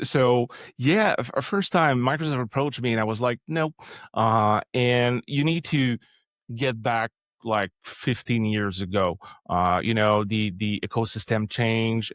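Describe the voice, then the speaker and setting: With a lowish, somewhat bright voice in a dry studio-quality recording, this Québécois developer advocate in his forties speaks French-accented English as a native French speaker. Answering casually as a podcast guest, he recounts his long career with many fillers and restarts.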